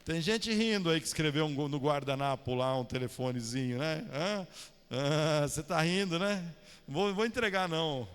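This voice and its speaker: A man's voice: a little high, moderate pace, clear, resonant tone. A man preaching a sermon, firing questions at the congregation and calling on listeners by name. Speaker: pastor. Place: church hall. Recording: long church hall reverb.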